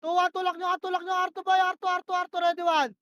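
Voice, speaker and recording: A woman's voice: very high-pitched, monotone, racing, a bit bright, no room sound, dull audio. A woman leading her team in a shooter match, barking short repeated commands and swearing when frustrated. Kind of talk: rapid in-game voice comms.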